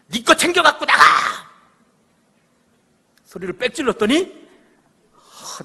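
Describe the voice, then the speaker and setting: Animated, husky man lecturing in a church. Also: high-pitched, big-room sound. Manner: animated storytelling, acting out quoted lines, checking with the audience. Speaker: lecturer on parenting. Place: church hall.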